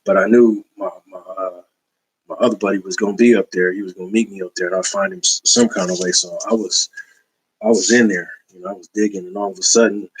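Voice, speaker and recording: A man shows off the comics he's collected, rambling in a loose, laid-back style peppered with slang and fillers. His voice is fairly low and fairly bright, and the low-quality recording carries slight background noise.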